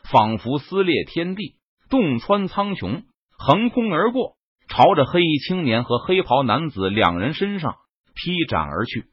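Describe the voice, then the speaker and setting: Man narrating a novel, dramatic reading, husky voice, swinging pitch, dull lo-fi dry sound. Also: no echo. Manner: dramatic reading that swells on the battle words. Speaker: audiobook narrator. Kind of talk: scripted web-novel narration.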